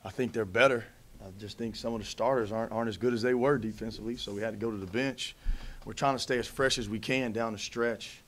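A head basketball coach speaks at a post-game press conference, seated before a backdrop with a table mic in front of him. His male voice is low, steady, and fairly bright, and his delivery is measured but full of fillers and restarts. A faint hiss is audible.

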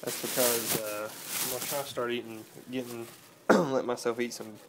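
A man's voice: mid-range voice, steady tone, normal speed, noisy background. Laid-back nineteen-year-old guy vlogging. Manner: laid-back, rambling with many "uh" fillers. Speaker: fitness vlogger. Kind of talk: casual vlog. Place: home room, indoors. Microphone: phone camera close up.

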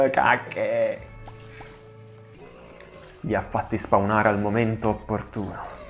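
A man hosting a gaming channel, giving excitable let's play commentary, swearing and pleading with the enemies on screen. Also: on the low side, drawn-out words, soft background music.

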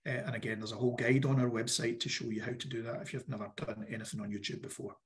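A man with a croaky voice, giving direct, instructive advice in an online workshop presentation. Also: mid-range voice, level tone, fast. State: croaky voice, clearing his throat. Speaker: workshop presenter for a business funding competition.

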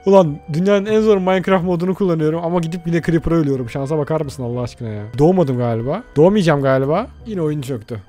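A man with a high, rapid voice gives casual gameplay commentary for his video audience. He is excitable and talks straight to the viewers, breaking into sudden yelps of surprise. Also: soft background music. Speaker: gaming video host.

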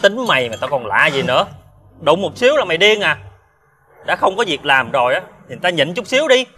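A drunk, furious ex-con friend. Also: male voice, a little high, very animated, a little fast. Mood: scolding. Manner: shouting, indignant, slurred drunk rants. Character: hot-tempered drunk male ex-convict friend. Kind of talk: TV crime reenactment drama.

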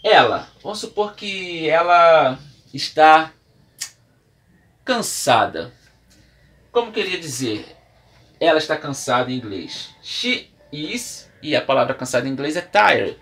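A man's voice: on the high side, animated, measured pace, pauses often, a bit bright. Brazilian guy teaching english at a whiteboard, talks patiently thru examples, voice bounces around a lot. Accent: Brazilian Portuguese. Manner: patient, explains step by step with examples; writes and erases on the board while talking. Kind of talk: classroom lesson. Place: room with a whiteboard.

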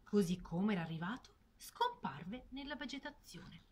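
Expressive woman telling a fairy tale. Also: medium pitch, slight background noise. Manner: expressive, slow and lingering on words. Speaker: storyteller. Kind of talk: storybook narration for children.

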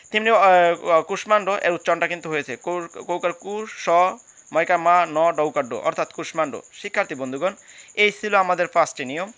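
A man's voice: a little high, a bit bright, no echo. A man with a Bangladeshi Bengali accent teaching a grammar lesson, patiently repeating rules and spelling out examples letter by letter. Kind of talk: classroom lesson explaining rules.

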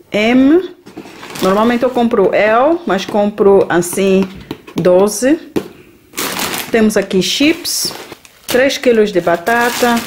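Slow-talking woman showing her groceries. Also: medium pitch, background noise. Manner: unhurried, listing items with frequent "tá?" and "né?" tags. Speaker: vlogger. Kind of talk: grocery haul vlog. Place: home kitchen, indoors.

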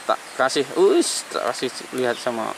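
A man giving lively commentary to viewers while fishing outdoors by a river. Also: mid-range voice, moderate pace, vocal fry. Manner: lively, mixes Javanese words, addresses viewers. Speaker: vlogger filming slingshot fishing. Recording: outdoor noise, insects.

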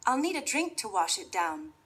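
A woman's voice: medium pitch, very animated, moderate pace, fairly bright tone, husky. A woman voicing a bold, self-assured young heroine in a rhyming storybook, speaking firmly.

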